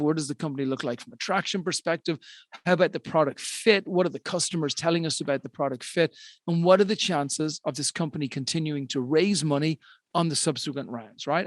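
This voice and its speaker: A man's voice: on the high side, dry recording, clean studio sound. Enthusiastic podcast host, a man. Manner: enthusiastic, emphatic, repeats words for stress. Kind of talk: podcast interview.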